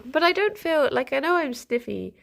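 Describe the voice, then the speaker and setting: During a laid-back morning stream from home, a woman whose nose is congested chats, giggles, and greets viewers by name, slipping into soft baby talk for her pets. Her voice sits high, with lively intonation, a moderate pace, and vocal fry.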